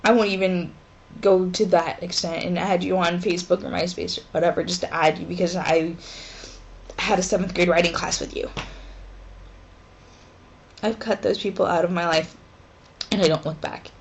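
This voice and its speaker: A woman in her twenties talking haltingly and emotionally in a personal vlog from her dorm room, with pauses and sighs. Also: lowish voice, steady tone, lo-fi sound, a little hiss or hum. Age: 20s. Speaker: vlogger.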